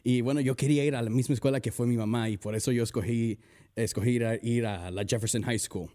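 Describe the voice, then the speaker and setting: A young man from the San Francisco Bay Area, a guest chatting casually from home, relaxed and full of fillers and restarts. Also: medium pitch, quick pace. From San Francisco Bay Area, USA. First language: Spanish. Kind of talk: casual interview chat.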